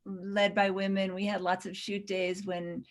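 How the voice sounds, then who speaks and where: A woman's voice: medium pitch, little pitch movement, measured pace. A woman documentary director answering interview questions earnestly, often restarting her sentences.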